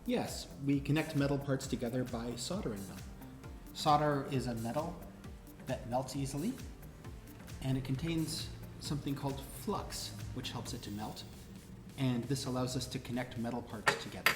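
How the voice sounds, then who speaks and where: This woman has a bass voice and speaks at a normal speed as presenter and instructor of a DIY electronics show. She walks through a hands-on tutorial step by step, prompting with questions. The recording has a roomy echo with background music.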